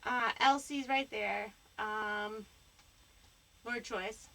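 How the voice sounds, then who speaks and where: A woman's voice: a little high, fairly even intonation, very slow, fairly bright tone, poor audio. A woman hosting a live stream, teasing her guest and rambling with fillers in casual banter. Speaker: stream host.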